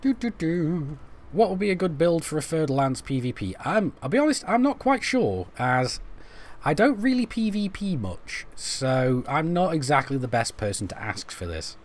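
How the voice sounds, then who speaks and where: A young man from Britain, fairly high-pitched and very animated, speaks at normal speed as he commentates a live game stream. He rambles, cracks jokes about himself, and talks to viewers while poking around the menus.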